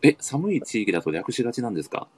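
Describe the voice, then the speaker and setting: A man's voice: medium pitch, sing-song, fast talker, a little mellow. A man hosting a casual online radio chat, eager and full of admiring interjections. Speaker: podcast host.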